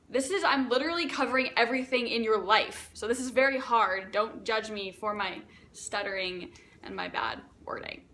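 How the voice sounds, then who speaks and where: A young woman vlogging, talking casually to camera in a rambling, animated way with self-deprecating asides. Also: mid-range voice.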